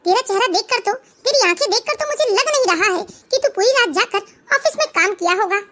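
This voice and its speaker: A woman's voice: extremely high pitch, lively intonation, fairly quick, pushed and bright, exaggerated voice. A woman voicing a stern, scolding middle-aged mother-in-law in a cartoon family drama. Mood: suspicious. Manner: scolding, interrogating.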